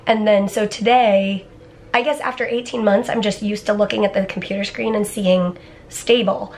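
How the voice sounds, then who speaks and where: A woman in her thirties, a vlogger with cystic fibrosis, talks casually to her audience in a chatty way full of asides. Her voice is medium-pitched and darkish, with fairly even intonation at a normal speed. Recorded in a moving car and a hospital clinic room, the clip carries car and room background noise.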